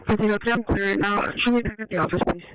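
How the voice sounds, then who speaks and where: High-voiced man on a crackly walkie-talkie. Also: steady tone, quick pace, fairly bright tone, smooth, dry recording. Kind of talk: brief radio reports.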